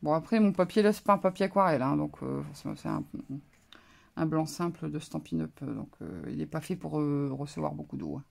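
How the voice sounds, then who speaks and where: Low, gravelly-voiced woman vlogger. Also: brisk, darkish tone. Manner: hesitant, musing, many fillers. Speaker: craft vlogger. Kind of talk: casual show-and-tell haul.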